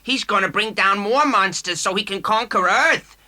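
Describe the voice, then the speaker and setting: A man's voice: high-pitched, normal speed, pushed and bright. A man voicing a sardonic, grumpy talking duck from another planet in a children's audio story. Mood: urgent, irritated. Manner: sardonic, brash. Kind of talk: dramatized children's read-along audio story.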